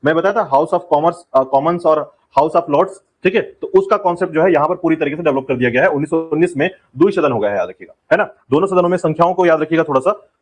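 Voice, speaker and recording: Fast-talking male exam-prep teacher. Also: a little high, low-quality recording. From India. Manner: repetitive, drills key points, keeps saying remember.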